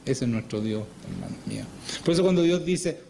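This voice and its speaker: A man preaches to his church, his voice a touch higher than most men's. He keeps asking his listeners rhetorical questions. A faint hum of ambient noise sits behind him. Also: wildly swooping pitch, a little fast, vocal fry, warm tone. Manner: asks the congregation frequent rhetorical questions. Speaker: pastor. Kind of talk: sermon. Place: church service.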